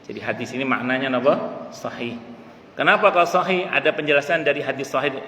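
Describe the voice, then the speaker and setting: A man giving a mosque study lecture, chanting Arabic passages slowly before explaining them. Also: mid-range voice, sharp tone, slight background noise. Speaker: religious teacher. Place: mosque hall. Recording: echoey mosque hall with faint ambience.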